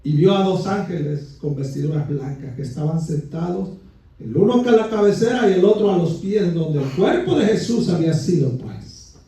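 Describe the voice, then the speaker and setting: A man's voice: high voice, lively intonation, normal speed, dark tone. A man preaching a Pentecostal sermon with fervent delivery, often calling his listeners brother, heard from some distance in a church. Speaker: pastor. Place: church sanctuary. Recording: echoey church from far off.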